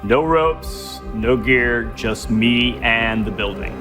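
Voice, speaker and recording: A man playing a solemn daredevil climber, speaking in a dramatic, measured way. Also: medium pitch, natural voice. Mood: solemn bravado. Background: music.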